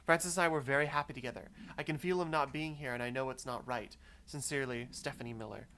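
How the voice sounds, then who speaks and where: A man's voice: medium pitch, fast talker, sharp tone. A man reading out a grieving widow's letter in a silly put-on voice. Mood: earnest pleading.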